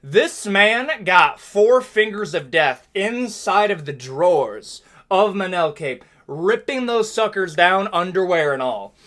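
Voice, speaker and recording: Animated high-voiced male fight commentator. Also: slow pace, hardly any pauses. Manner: animated, joking, says "okay?" and "bro" often. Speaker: MMA commentary YouTuber. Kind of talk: casual fight recap commentary.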